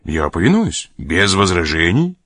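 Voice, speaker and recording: A man's voice: low-pitched, wildly swooping pitch, unhurried, fairly bright tone, slightly rough, dry recording, studio quality, heavily acted. A man reading a sly burly henchman. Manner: sly, feigns not noticing.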